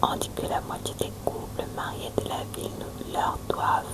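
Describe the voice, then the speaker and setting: A woman doing whispered ASMR storytelling, reading aloud in a soft, breathy and gentle whisper with chatty asides. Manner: slow, gentle delivery.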